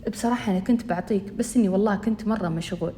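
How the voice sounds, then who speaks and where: A man's voice: high voice, very fast, dark tone, a little hiss or hum, lightly acted. A woman voicing a shy, admiring teen boy.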